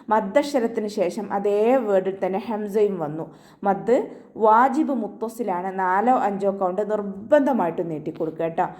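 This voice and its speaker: A woman teaching Quran recitation in an online class, explaining each sound step by step with gentle reminders. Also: medium pitch. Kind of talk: online tajweed lesson.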